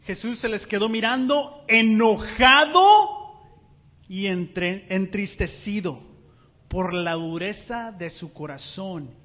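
Animated preacher man, high voice. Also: slow pace. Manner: animated, rhetorical questions to the congregation. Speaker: pastor. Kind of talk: sermon. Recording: muffled sound with long hall reverb.

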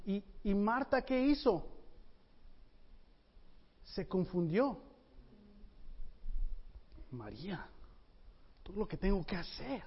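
A man preaching a lively sermon with a notably high voice. He keeps throwing rhetorical questions at the congregation. His voice rings out with a long reverb in a church hall, and the recording sounds muffled. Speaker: pastor.

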